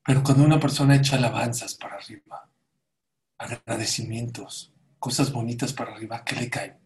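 A man's voice: medium pitch, a little fast. A man giving a sermon, telling stories and acting out the voices of the people in them. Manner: animated storyteller, acts out quoted voices. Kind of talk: sermon with storytelling.

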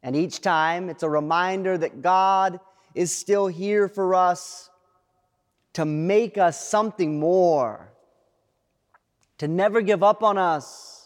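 A man preaching a sermon as pastor, dramatic, with pauses and repeated refrains. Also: sits high, big-room sound. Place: church sanctuary.

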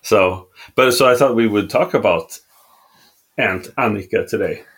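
A middle-aged father co-hosting a casual family podcast, gently asking his daughter questions with many restarts. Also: lowish voice, measured pace. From Mexican background.

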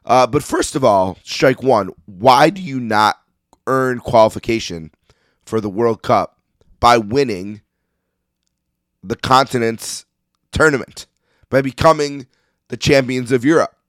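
A man hosting a sports podcast in a casual, opinionated monologue, his voice slightly hoarse as if he is losing it. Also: mid-range voice, unhurried, pauses often, fairly bright tone, no room sound, studio quality. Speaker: podcast host.

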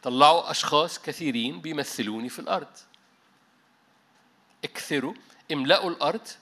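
A man with an Egyptian Arabic accent preaching a sermon to a church meeting, animated, dropping English words and often restarting mid-phrase. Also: on the high side, quick pace. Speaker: pastor.

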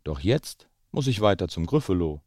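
A man voicing a clever little mouse in a rhyming children's story, reciting brightly. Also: low-pitched, big pitch swings, normal speed, dry recording, studio quality. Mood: confident.

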